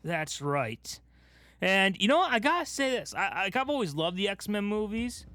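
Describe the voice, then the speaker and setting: A male podcast co-host chats casually about movies, recounting things animatedly and acting out his own reactions. His voice is high-pitched and he talks at a normal speed.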